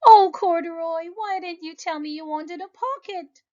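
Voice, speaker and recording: A woman voicing an eager little girl in a storybook, speaking high and excited. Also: moderate pace, dull audio.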